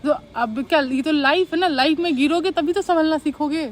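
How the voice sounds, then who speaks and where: A woman's voice: high voice, fairly quick. A young woman, playing an older sister who coaxes and scolds over and over in a family skit. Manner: coaxing, scolding, repeating herself.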